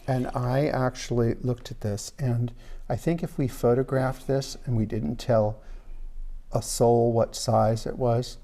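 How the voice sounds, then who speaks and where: A man's voice: medium pitch, fairly even intonation, unhurried, mellow. A man hosting a casual chat with a guest, making admiring remarks about antique doll clothing. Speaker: host.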